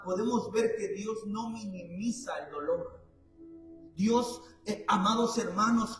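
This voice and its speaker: A pastor delivers his sermon in a high, unhurried voice, repeating his lines for emphasis and rising into shouts. He sounds set back from the microphone. The recording carries the heavy echo of a large church hall. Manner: emphatic repetitive preaching, addresses congregation as brothers; builds to loud, shouted climaxes. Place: church sanctuary. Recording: very echoey church hall, voice from far off.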